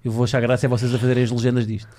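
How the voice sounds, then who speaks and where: Man, rapid playful chatter, eggs on a friend. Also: mid-range voice, monotone, dark tone. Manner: urging, playful. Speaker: friend egging on the caller. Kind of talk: casual chat.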